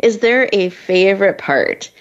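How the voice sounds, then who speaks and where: A woman's voice: mid-range voice, lively intonation, unhurried. A woman hosting an interview, introducing and encouraging her guest in an effusive way. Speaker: podcast host. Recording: dull lo-fi audio.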